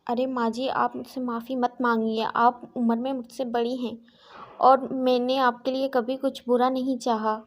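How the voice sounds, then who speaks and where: Cartoon casting: patient young daughter-in-law, high and earnest, voiced by a woman. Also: level tone, normal speed, lightly acted. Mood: gentle. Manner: earnest, pleading. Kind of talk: cartoon story voice acting.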